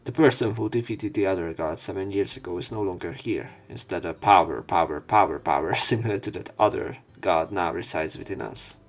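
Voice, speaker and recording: Narrating a visual novel for a let's play, a man with a very low voice switches between reading the text and making casual, sweary asides of his own. He talks briskly with hardly any pauses, while faint music plays behind him.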